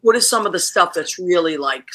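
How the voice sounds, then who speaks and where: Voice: mid-range voice, expressive, fairly quick, fairly bright tone. A host in their forties, chatty and enthusiastic, asking questions in a casual interview. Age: 40s.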